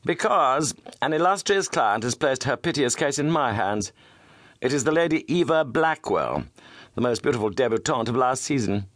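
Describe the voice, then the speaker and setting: Man reading as a raised, clipped, commanding gentleman detective for an audiobook; dry studio sound. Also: medium pitch, animated, moderate pace, dry recording, voice pushed up, lightly acted. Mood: earnest. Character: sharp, proud Victorian male detective, middle-aged.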